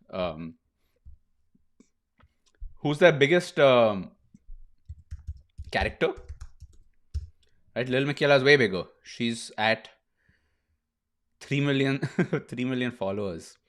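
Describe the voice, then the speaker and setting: A man's voice: mid-range voice, a bit bright. Laid-back young man streaming, bro-heavy. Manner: laughs often, peppers speech with "bro" and "dude". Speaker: streamer host. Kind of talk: casual livestream chat.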